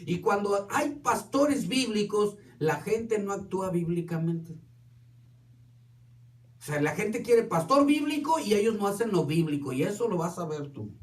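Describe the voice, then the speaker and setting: A man's voice: high-pitched, lively intonation, a little slow. A man preaching a sermon as pastor, telling stories with quoted dialogue. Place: church hall. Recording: echoey hall, distant mic.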